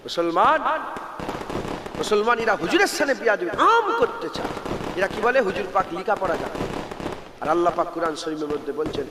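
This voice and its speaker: Bengali guy preaching outdoors, high voice, echoey loudspeaker, lots of noise behind. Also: very animated, normal speed, long pauses. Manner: calls to the crowd for answers, chants Arabic verses. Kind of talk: sermon. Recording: echoey outdoor sound system with loud background noise.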